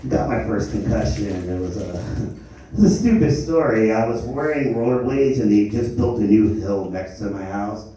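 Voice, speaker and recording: Young stand-up comic in echoey club. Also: male voice, on the low side, lively intonation, moderate pace, mellow, distant mic, a little hiss or hum. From Germany. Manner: rambling, self-deprecating storytelling with stumbles. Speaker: stand-up comedian. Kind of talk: live stand-up comedy. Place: comedy lounge stage.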